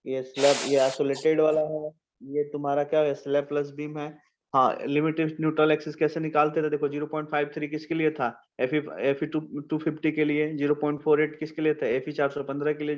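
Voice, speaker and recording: A man's voice: fairly high pitch, a little mellow, muffled recording. A man teaching an engineering class, asking questions and answering them himself. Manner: asks and answers his own questions, mixing in English terms. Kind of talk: engineering lecture.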